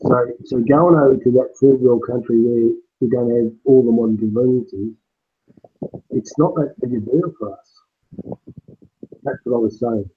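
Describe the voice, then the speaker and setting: A man's voice: mid-range voice, fairly even intonation, normal speed, pauses often, breathy edge. A man in his fifties chatting casually on an online call, his voice sounding like it's in an echo chamber, rambling and repeating words as he starts a point. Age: 50s. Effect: echoey, echo-chamber sound on the call. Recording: muffled, noisy online call audio.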